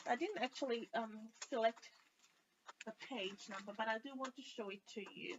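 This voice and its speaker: A woman hosting a casual live craft tutorial, sounding nasal and a little sick, chatting in a halting way with many pauses. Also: fairly high pitch, a little hiss or hum. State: under the weather with a stuffy, sick-sounding voice. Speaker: host of a weekly craft livestream. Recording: dull, lo-fi livestream audio.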